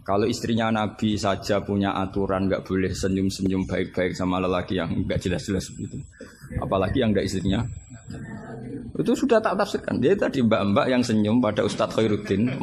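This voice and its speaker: A man with a Javanese accent teaching Islamic law to students in a relaxed religious lecture, telling jokes and stories in an animated way. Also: lowish voice. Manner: joking, animated storytelling with laughter. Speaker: Islamic scholar teaching fiqh. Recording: noisy live recording with ambience.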